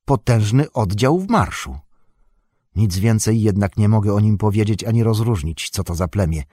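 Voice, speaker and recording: A man's voice: lowish voice, animated, normal speed, dark tone, slightly rough, no room sound, studio quality. A man voicing a keen-eyed male elf archer who talks eagerly, pointing things out. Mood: calm.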